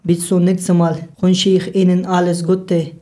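A woman hosting a scripted interview podcast, asking careful, measured questions. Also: on the low side, flat delivery, warm tone. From Afghanistan. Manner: careful, measured learner's German. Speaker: podcast host.

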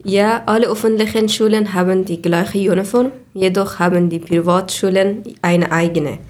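A woman's voice: mid-range voice, steady tone, moderate pace, a little mellow. A woman, answering interview questions carefully with small slips. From Afghanistan. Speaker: interview guest. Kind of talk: scripted answers.

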